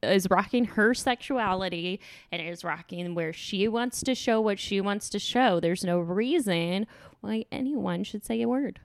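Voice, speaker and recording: A woman's voice: mid-range voice, measured pace, no echo. A young woman co-hosting a podcast, easygoing and giggly, talking casually with lots of fillers. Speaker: podcast co-host. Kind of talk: casual chat.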